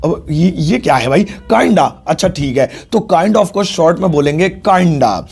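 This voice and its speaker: Man, english teacher explaining in hindi, joking asides, slow careful examples, slightly high voice. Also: animated, vocal fry, a little mellow, slightly rough. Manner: jokey, slows down sharply to spell out English example sentences. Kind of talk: Hindi-language spoken English lesson.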